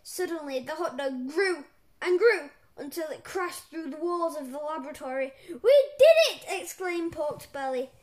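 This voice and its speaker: A woman reading a children's book aloud in an animated, playful way. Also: sits high, moderate pace. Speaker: storyteller.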